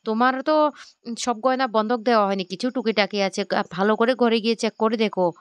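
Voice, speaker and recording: A woman voicing a blunt, confrontational young man from a TV drama, speaking quickly and clearly. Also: a little high, steady tone, no room sound, natural voice. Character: defiant young man defending his aunt.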